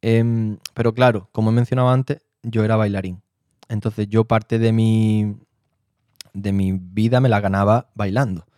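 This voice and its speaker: A man's voice: fairly low pitch, fairly even intonation, measured pace, warm tone, no room sound. Man, from Spain, actor and director, interview guest, reflective, dry close sound. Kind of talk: casual chat.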